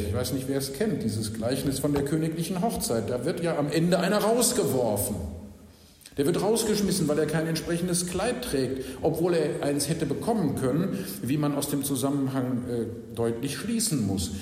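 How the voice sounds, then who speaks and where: A man preaching a sermon as pastor, earnest, with rhetorical questions, moving between hushed and emphatic delivery. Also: a little high, lively intonation, moderate pace. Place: church. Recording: echoey church hall with long reverb.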